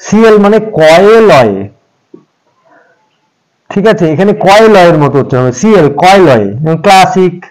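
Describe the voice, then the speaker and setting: A man's voice: high-pitched, lively intonation, normal speed, pauses often, darkish tone, low-quality recording. A man teaching an English pronunciation lesson, patiently repeating examples and speaking to viewers as friends.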